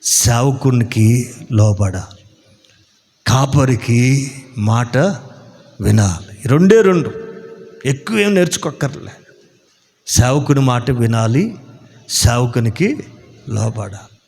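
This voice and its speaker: A male pastor preaching a sermon with many rhetorical questions, speeding up when he argues and slowing down to stress key words. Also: mid-range voice, gravelly. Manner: animated preaching, rhetorical questions, slows for emphasis. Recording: long hall reverb.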